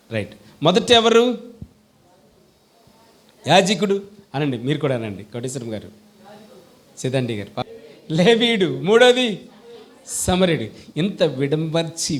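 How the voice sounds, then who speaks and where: Animated Telugu preacher man, calling out questions. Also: a little high. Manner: call-and-response questions to the congregation; animated, swings between loud and soft. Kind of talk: sermon.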